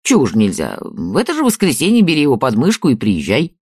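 A man doing a gruff old country father with a folksy, lecturing way of talking, voice leaping between a low grumble and a raised, lively tone. Dry, close sound, as in a spoken storybook. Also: quick pace, no echo. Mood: welcoming. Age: older. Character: gruff old rural father, blunt, preachy. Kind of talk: audiobook character reading.

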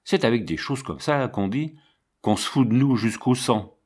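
A man's voice: mid-range voice, normal speed, darkish tone, slightly rough, natural voice. A man voicing an exhausted, mud-soaked soldier who speaks in a jerky, ragged, outraged way. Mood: bitter outrage. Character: muddy exhausted soldier, furious and bitter.

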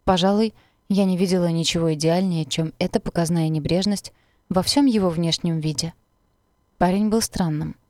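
A woman reading a first-person novel aloud as an audiobook narrator, with expressive, even delivery. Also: fairly low pitch, moderate pace, no echo.

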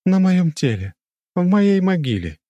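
A man voicing the ghost of an old clan matriarch, speaking slowly and without emotion, in lofty measured phrases. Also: sits high, no echo, highs cut off, pitched above the performer's own voice. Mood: emotionless. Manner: flat, emotionless, like a recording; slow, measured, lofty pronouncements. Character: ancient female ghost, solemn clan matriarch. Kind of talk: audiobook character voice.

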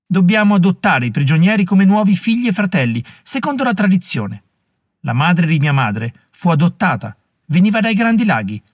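A man's voice: sits high, big pitch swings, normal speed, dry recording, clean studio sound, pitched above the performer's own voice. A man voicing a fierce young Mohawk woman. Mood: fierce scorn. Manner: scornful, commanding.

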